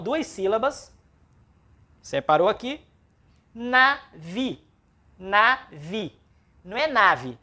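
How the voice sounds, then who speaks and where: A woman with a Brazilian Portuguese accent teaching a Biblical Hebrew class, spelling out syllables and repeating words aloud for practice. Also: mid-range voice. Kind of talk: classroom lesson.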